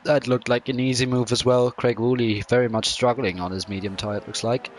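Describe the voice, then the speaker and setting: A man doing live commentary on a sim racing event, pausing often with ums. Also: medium pitch, level tone. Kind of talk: live esports race commentary. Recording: clear background noise.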